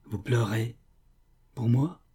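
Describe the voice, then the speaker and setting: A man voicing a young captive Russian officer, earnest and soft-spoken. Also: mid-range voice, takes it slowly, husky, exaggerated voice.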